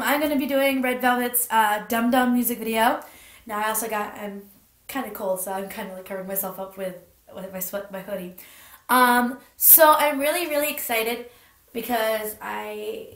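A young woman with hiccups chatting excitedly through a music video reaction, full of fillers and restarts. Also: a little high, normal speed. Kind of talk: casual reaction vlog. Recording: echoey room with music playing.

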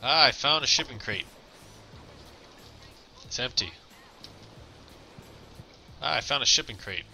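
A man with a very bright, cutting voice chats through a co-op heist game on stream, quipping and goofing between callouts. Faint game music hums behind him. The talk is loose and playful. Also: mid-range voice, lively intonation, takes it slowly, vocal fry, pauses often. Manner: joking, throws out goofy shouted lines. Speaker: gamer streaming. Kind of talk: casual gameplay chat.

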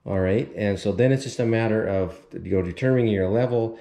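A man in his fifties giving a relaxed, rambling how-to walkthrough, full of fillers, filmed on a handheld camera inside an empty mobile home. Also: fairly low pitch, a little fast, creaky. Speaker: renovation vlogger. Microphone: action camera held at arm's length. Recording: echoey bare room.

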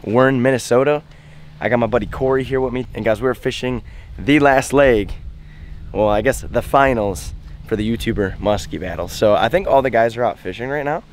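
A man with a hoarse voice from a sinus infection, chatting loosely to the camera as a fishing vlogger. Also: medium pitch, a little fast, slight background noise. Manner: laid-back, rambling, many fillers. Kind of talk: casual vlog talk to camera. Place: car, then outdoors by a lake.

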